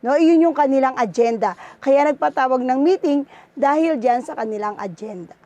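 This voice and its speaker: A woman teacher with a Filipino accent and a high-pitched, warm voice speaks at a moderate pace on a muffled recording. She's giving an online class lesson, frequently checking in with her pupils with "no?" and "okay?".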